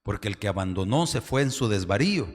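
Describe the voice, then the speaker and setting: A pastor preaching a sermon fervently, often dropping into a confiding tone. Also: male voice, fairly low pitch, animated, fast. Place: church hall. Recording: reverberant church hall.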